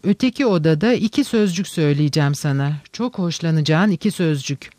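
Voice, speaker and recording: A man voicing a reckless, feverish young male gambler who blusters and shouts. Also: fairly high pitch, lively intonation, no room sound, natural voice. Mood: bold. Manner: loud, blustering, quick to shout.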